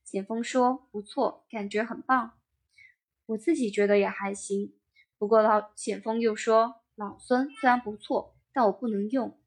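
A woman with a fairly high voice reads a first-person career memoir aloud. Her delivery is steady and even, a calm narrator's read. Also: measured pace, husky.

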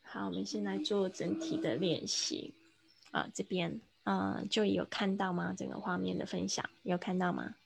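A woman's voice: medium pitch, fairly even intonation, moderate pace, vocal fry, slightly rough. A woman teaching an online English lesson, patiently coaching a student's pronunciation over a video call. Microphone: computer mic on a video call.

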